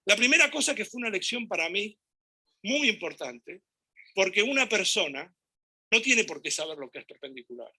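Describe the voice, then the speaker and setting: A man with a Rioplatense Spanish accent gives a talk to an audience, animatedly telling anecdotes and acting out dialogue and gestures. His voice is high-pitched with a breathy edge, at a moderate pace.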